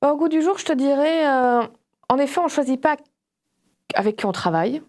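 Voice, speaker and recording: A woman with a high, brisk voice serves as a panelist on a casual Bible discussion show. She explains like an animated storyteller, acting out imagined quotes as examples.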